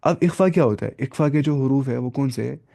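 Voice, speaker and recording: Gravelly-voiced man teaching Quran reading. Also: medium pitch, dark tone. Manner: slow drawn-out letter-by-letter drilling. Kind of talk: live online tajweed lesson.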